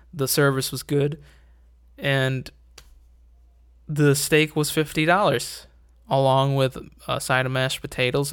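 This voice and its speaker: A man's voice: mid-range voice, fairly bright tone, smooth. Profane ranting young man. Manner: profane, rambling, wry complaining. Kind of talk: casual rant.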